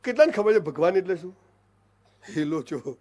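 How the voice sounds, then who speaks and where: A man's voice: high voice, lively intonation, moderate pace, darkish tone. A middle-aged man with a Gujarati accent giving an emphatic motivational speech to an audience, often calling listeners "saheb" and "boss". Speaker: motivational speaker.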